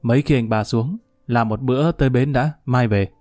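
A man's voice: mid-range voice, normal speed, a little mellow, no room sound, faint music behind, close to an everyday voice. A man voicing a kindly, folksy police major who talks plainly. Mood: chatty.

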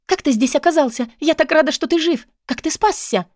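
A woman voicing a young witch girl who speaks in excited, pleading exclamations in an audiobook. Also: high-pitched, fairly quick, dry recording, studio quality, voice pushed up, lightly acted. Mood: eager pleading. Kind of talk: audiobook character voice.

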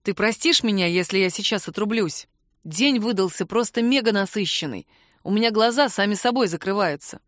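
A woman's voice: medium pitch, a little fast, no room sound, lightly acted. A woman reading the part of an affectionate, teasing young man who drawls sleepily, in a dry close recording.

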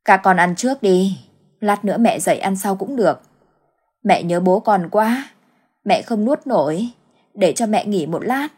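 A woman's voice: medium pitch, expressive, measured pace, darkish tone, slightly rough. A woman voicing a cruel scheming old village woman. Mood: feigned grief. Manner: wailing then coldly gloating.

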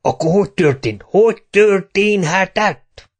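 Man doing a shouting, bullying town mayor. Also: sits high, lively intonation, voice pushed up. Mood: furious. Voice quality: shouting, bossy. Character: bullying, hot-tempered male small-town mayor.

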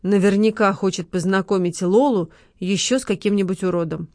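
A woman narrates an audiobook with even, clear storytelling. Her voice sits at a middling pitch and is recorded dry and close. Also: brisk, dry recording. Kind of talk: scripted narration.

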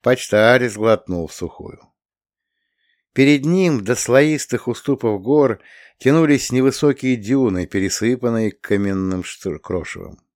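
A man narrating a science fiction story as an audiobook reader, in measured storytelling. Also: mid-range voice, expressive, darkish tone, dry recording, studio quality. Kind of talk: scripted narration.

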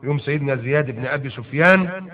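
A man with an Egyptian accent, a preacher retelling religious history in lively colloquial speech and chanting classical quotations. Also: medium pitch, quick pace. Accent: Egyptian Arabic. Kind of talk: religious history storytelling lecture. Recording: tinny phone-like lo-fi recording.

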